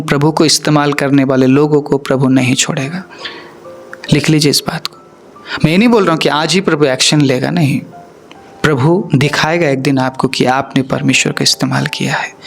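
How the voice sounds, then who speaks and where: A man's voice: on the high side, a bit bright. A man preaching a sermon as a pastor, sternly warning his listeners and often adding "ठीक है" as he talks.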